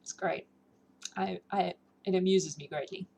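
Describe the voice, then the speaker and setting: A woman hosting a livestream where she reads novels aloud chats casually and gigglily with viewers, her accent a blend of South African, British and New Zealand. Her mellow voice sits on the low side, with fairly even intonation and a measured pace. Room ambience is clearly noisy.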